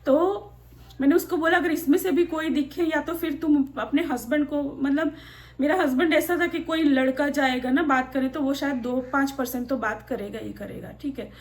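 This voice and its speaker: A woman's voice: sits high, moderate pace. A young woman vlogger telling a personal story to her viewers in a confiding, conversational way. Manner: confiding, recounting a personal ordeal with quoted dialogue. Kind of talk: casual storytelling to camera.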